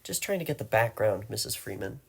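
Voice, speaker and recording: A man doing a gruff constable. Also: lively intonation, a little fast, full character voice. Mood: soothing. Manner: blunt, low and soothing.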